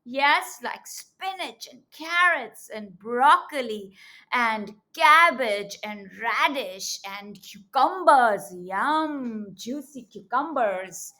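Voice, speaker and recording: A female children's educator and storyteller does a read-aloud in a high, unhurried voice. She is animated and teacherly, frequently drawing in her young listeners with questions.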